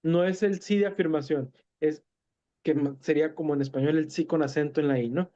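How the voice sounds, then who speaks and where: A man's voice: fairly high pitch, steady tone, brisk, dark tone. A man teaching an English lesson in Spanish. He explains patiently, repeats and translates words step by step, and often hesitates and corrects himself. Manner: many hesitations and self-corrections. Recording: dull lo-fi recording.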